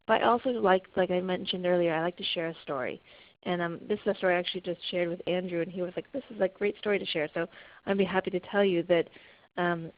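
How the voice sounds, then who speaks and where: Woman camp director, earnest, restarts a lot; fairly low voice over a dull call line. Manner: earnest, storytelling with many restarts. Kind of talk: webinar talk. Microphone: conference call. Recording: muffled conference call audio.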